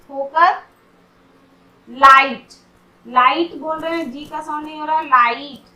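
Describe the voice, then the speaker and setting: Woman teacher, slow and careful, bright tone, slightly distant mic. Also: high-pitched, roomy sound. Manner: says each word slowly, then gives its meaning. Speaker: English pronunciation teacher. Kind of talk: slow explanatory lesson.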